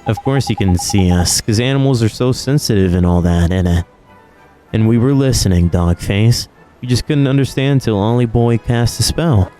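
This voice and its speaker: A man puts on a cheeky, slangy little male fairy sidekick with a low, mellow tone. He teases the others in a video game scene with soft music behind. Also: normal speed, close to an everyday voice.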